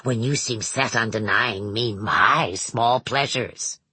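A woman's voice: a bass voice, takes it slowly, sharp tone, slightly rough, no echo, pitched below the performer's own voice, heavily acted. A woman reading a novel aloud, voicing a sinister older man who talks in a falsely polite carnival barker's voice. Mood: sulky. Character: sinister older man, sunny showman charm, menacing.

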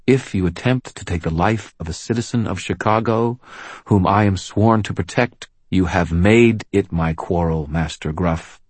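A man's voice: deep voice, normal speed, breathy edge, no echo, voice pushed up. A man doing a steely, defiant woman cop. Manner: firm, clipped, defiant. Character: tough, steely woman police officer. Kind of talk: audiobook character voice.

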